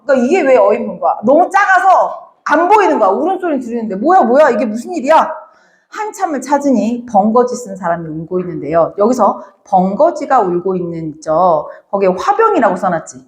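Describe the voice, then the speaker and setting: A woman teaching a Korean literature class, lively and talking straight to her students, now and then acting out the characters' lines. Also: on the high side, brisk, few pauses, echoey room. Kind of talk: classroom lecture.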